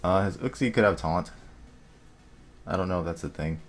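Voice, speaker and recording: Deep-voiced young man muttering game commentary. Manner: muttering to himself, thinking aloud, quick asides. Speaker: gaming video creator. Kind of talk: casual gameplay commentary. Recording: faint music underneath.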